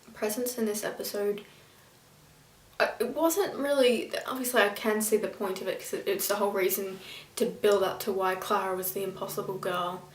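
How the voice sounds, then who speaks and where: A young woman still in school, chatting casually in a rambling, excitable way as a fan reviewing a show. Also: on the high side, far from the mic. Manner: rambling and excitable, with frequent fillers and asides. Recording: roomy echo, voice a little off-mic.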